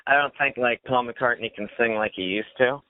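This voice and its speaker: A man in his thirties hosts a casual podcast in a mid-range voice at a moderate pace, laughing often, making self-deprecating jokes, and swearing freely. The sound is dry and tinny, like a phone, with background noise.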